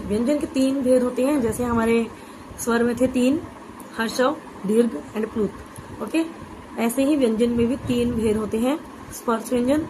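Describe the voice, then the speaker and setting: A woman teaching an exam-prep grammar lesson, explaining patiently, saying "okay" often and spelling out letters slowly. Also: on the high side, noisy background.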